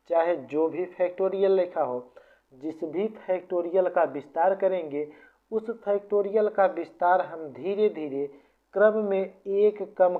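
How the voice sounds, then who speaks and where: Patient teacher on a tinny line. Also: mid-range voice. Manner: patient, repetitive step-by-step explaining. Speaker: maths teacher. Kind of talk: explaining formulas in a lesson. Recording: tinny phone-like sound.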